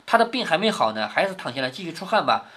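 A man's voice: on the high side, big pitch swings, quick pace, bright, forceful tone. A man reading a classic novel aloud to his daughter, explaining it with lots of rhetorical questions. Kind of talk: storybook reading with commentary.

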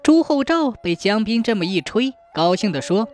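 A woman narrates a historical folk tale in a lively, expressive way. Her pitch is mid-range for a woman. Her delivery is animated and swings widely. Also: normal speed, faint music behind. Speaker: storyteller.

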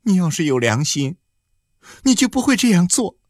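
A man's voice: sits high, moderate pace, no echo, studio quality, pitched above the performer's own voice. A man voicing a wronged young woman who answers in short, resolute replies, in an audiobook. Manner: terse, flat replies. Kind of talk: audiobook character voice.

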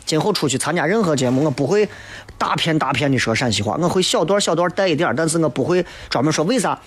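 A man's voice: a little high, lively intonation, fast, husky, no echo. A man with a Shaanxi accent from Xi'an hosts a casual radio chat, reading out and answering listener messages in a playful, teasing, colloquial way. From Xi'an, Shaanxi, China. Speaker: radio show host. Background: background music.

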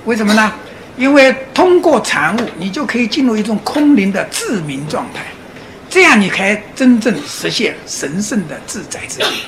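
A man giving a public lecture, animated, often asking his audience rhetorical questions and chuckling as he explains. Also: sits high, normal speed, noisy background. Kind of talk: public lecture on Chinese classics and Zen.

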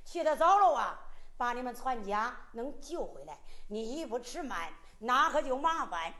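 Storytelling role: a hot-tempered Henan boatman, emphatic and scolding, a woman doing it, voiced high with big swings. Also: sing-song, normal speed, a bit bright. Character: blunt righteous middle-aged boatman, fiery temper.

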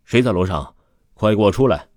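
A man voicing a cocky young man who blusters and shouts when frightened. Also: fairly low pitch, expressive, brisk, no room sound, clean studio sound. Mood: shouting. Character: young man, cocky but easily scared.

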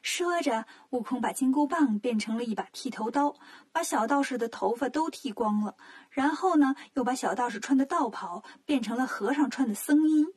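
A woman reads a children's story aloud with lively, expressive storytelling. Her voice is high and breathy. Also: normal speed.

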